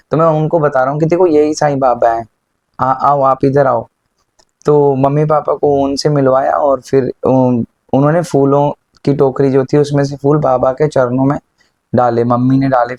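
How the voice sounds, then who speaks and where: Earnest man with a dark, mellow voice. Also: medium pitch, no echo. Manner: earnest storytelling, mixing English words into Hindi. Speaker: devotee sharing a personal experience. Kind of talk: casual testimony.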